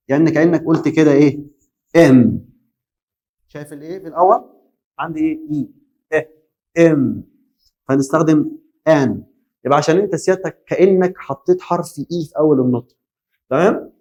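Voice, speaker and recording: Egyptian guy teaching english, kinda high voice, keeps asking "got it?" and drilling words. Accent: Egyptian Arabic. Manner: lively, drills students, asks and answers his own questions. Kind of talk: Egyptian Arabic classroom lesson.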